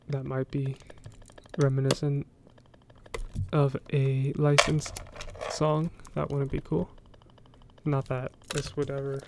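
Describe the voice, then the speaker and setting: An American man hosting a soft-spoken ASMR show-and-tell, talking in a casual, rambling, hesitant way. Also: mid-range voice, gravelly, slight background noise. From United States. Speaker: ASMR video host.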